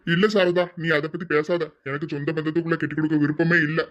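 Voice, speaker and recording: A man voicing an earnest, worried middle-aged father who speaks quietly. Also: fairly high pitch, little pitch movement, quick pace, lo-fi sound, close to an everyday voice. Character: middle-aged father, worried and set on marrying off his daughter. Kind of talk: hobby audio drama.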